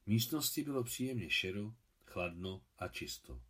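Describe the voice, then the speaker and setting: A man calmly reading his own translation of a novel aloud as an audiobook. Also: on the low side, breathy edge.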